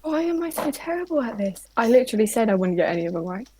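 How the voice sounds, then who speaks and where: A chatty woman banters through a friends' quiz, mocking herself and protesting loudly. Her voice sits fairly high but sounds dark and mellow, with a faint hiss of noise behind it. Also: very animated, fast. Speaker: quiz contestant and podcast co-host. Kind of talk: casual banter among friends.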